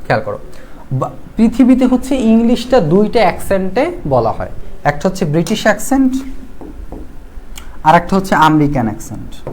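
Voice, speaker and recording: A man's voice: sits high, sing-song, moderate pace, long pauses, darkish tone, a little hiss or hum. Man, Bangladeshi Bengali accent, live online English lesson, quizzes the class, repeats key rules. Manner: asks the class questions, then answers them; reads out viewer comments. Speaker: English teacher.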